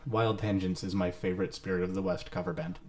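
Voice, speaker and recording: A man's voice: sits low, steady tone, fast, vocal fry, darkish tone. Joking young male podcast host. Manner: joking, storytelling. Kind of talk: casual chat.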